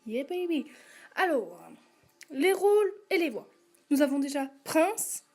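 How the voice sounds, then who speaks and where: A woman's voice: high voice, very animated, a little slow, darkish tone. A woman hosting a casual casting-call video, listing characters and their voices with hesitant fillers and asides. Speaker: channel host casting voice actors.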